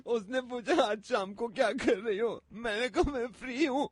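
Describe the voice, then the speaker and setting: A woman's voice: fairly high pitch, moderate pace, natural voice. A woman on a prank call playing a tearful young woman who whines about her boss and repeats herself. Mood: whiny. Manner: whiny, sobbing, repeats herself. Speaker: prank caller.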